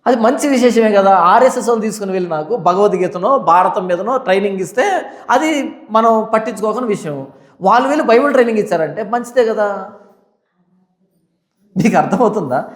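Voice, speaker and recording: A male pastor delivers a fiery Bible study sermon in a high, ringing voice. He scolds his listeners and drives each point home with a string of rhetorical questions. The sound carries the echo of a reverberant room. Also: animated, a little fast, long pauses. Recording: echoey room.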